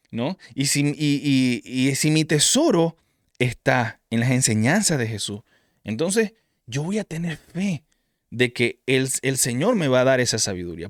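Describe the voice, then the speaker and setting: A male preacher gives a sermon in an animated storytelling manner, with frequent restarts, chuckles and rhetorical "¿no?". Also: medium pitch, no echo, clean studio sound.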